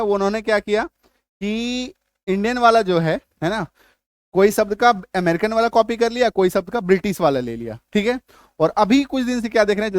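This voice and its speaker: A man's voice: high-pitched, smooth, no echo, studio quality. A middle-aged man teaching English spelling and pronunciation in Hindi, repeating rules and checking often that his students follow. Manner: repetitive, checks understanding often.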